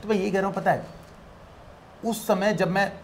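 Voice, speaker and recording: A man's voice: sits high, fairly even intonation, normal speed, a little hiss or hum. A man, a coaching teacher hosting the talk, giving study advice in a casual conversation and repeating his key points. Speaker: exam coaching teacher and host.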